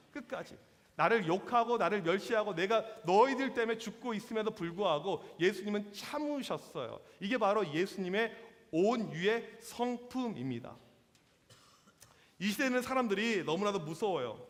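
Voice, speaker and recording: A man in his forties preaches to teenagers as a youth pastor, high-pitched and very lively, slipping into playful voices for the stories he tells. His voice rings with the long reverb of a church hall. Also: moderate pace. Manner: lively, acts out quotes in voices, slangy with teens. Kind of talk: sermon to teenagers.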